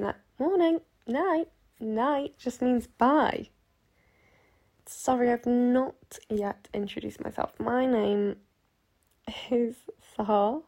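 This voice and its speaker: An eighteen-year-old woman from Sheffield, England, hosts a podcast, chatting in a rambling way, interrupting herself and adding giggly asides. Her voice is on the high side and warm.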